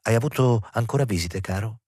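A man reading an audiobook voices a gentle, doting middle-aged mother who speaks softly and anxiously. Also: lowish voice, fairly quick, slightly rough. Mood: anxious tender.

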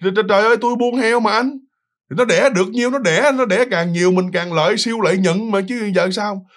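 A man's voice: high voice, fast, a bit bright. A man voicing a talkative middle-aged village wife who raises pigs, speaking. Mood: matter-of-fact. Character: middle-aged female pig-farming village wife, chatty.

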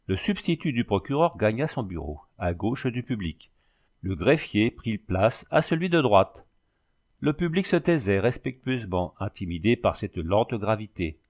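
Expressive man reading a story aloud. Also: fairly low pitch. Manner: expressive, dramatic. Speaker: narrator. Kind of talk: audiobook reading.

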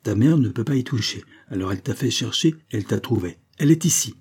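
A man reading and voicing a gruff old male guardian who speaks curtly and roughly. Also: on the low side, moderate pace, dark tone. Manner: curt and rough.

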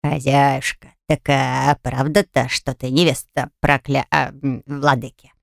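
A woman's voice: extremely low pitch, level tone, measured pace, creaky, no echo, clean studio sound, pitched below the performer's own voice, heavily acted. A woman voicing a fussy male household servant who laments and hesitates in a storybook reading. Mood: worried.

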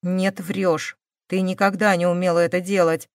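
A woman's voice: lowish voice, flat delivery, normal speed, no room sound, studio quality, close to an everyday voice. A woman voicing a worried grandmother who scolds and pleads with her granddaughter. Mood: exasperated.

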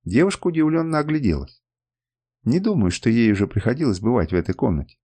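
A man narrating an audiobook in an expressive storytelling manner. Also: medium pitch, fast talker, breathy edge.

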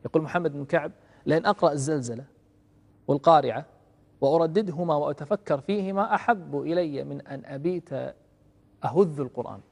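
A man giving a religious lecture in an earnest way, dropping to soft, low passages and rising to loud, emphatic stresses. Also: fast talker, gravelly, in a large hall. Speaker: Islamic lecturer.

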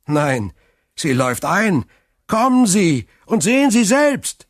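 An overjoyed young clerk, as a storybook narrator puts him on, shouting news high and loud. A husky edge stays on the voice, in a dry recording. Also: male voice, sing-song, takes it slowly, dry recording, exaggerated voice. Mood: elated. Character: excited young clerk, breathless with joy.

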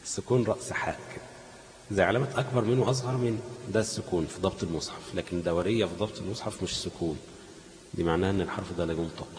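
A man's voice: deep voice, rapid-fire, long reverb tail, a little hiss or hum, poor audio. A man with an Egyptian Arabic accent teaching a class on Quran recitation, asking leading questions that the students finish.

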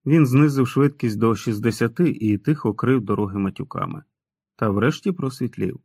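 A man's voice: mid-range voice, moderate pace, a little mellow, slightly rough, dry recording, clean studio sound. A man reading an audiobook in a dramatic, storytelling manner. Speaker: audiobook narrator. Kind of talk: scripted narration.

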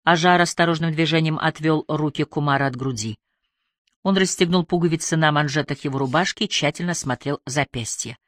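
A woman narrating an audiobook in a clear, expressive reading style. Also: deep voice, a little fast, dry recording, clean studio sound. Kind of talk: scripted narration.

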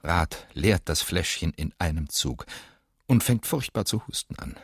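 A man's voice: sits low, expressive, a little slow, fairly bright tone, husky. A man reading scripted audio description of a film as narrator.

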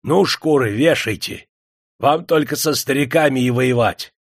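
A man's voice: medium pitch, unhurried, no room sound, clean studio sound, pitched above the performer's own voice, natural voice. A man voicing a proud, defiant old male servant who speaks in a mocking, scornful way. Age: older.

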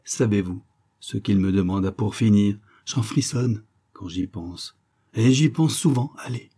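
A man's voice: fairly low pitch, a little slow, warm tone, breathy edge. A man voicing an old woman, a former opera singer, telling her story with confiding wistfulness. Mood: recounting.

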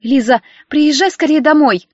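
A woman's voice: animated, moderate pace, dry recording. A woman voicing an anxious young woman, the heroine's sister, who speaks urgently and pleads, in an audiobook reading. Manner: urgent, pleading, high-strung. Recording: dry, dull lo-fi audio.

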